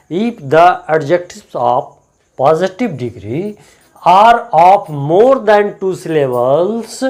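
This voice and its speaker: A male English teacher with a Hindi accent, explaining grammar rules slowly and repeating each word to drill it. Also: on the high side, a little mellow. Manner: slow, deliberate, repeats words to drill them. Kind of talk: classroom grammar lesson.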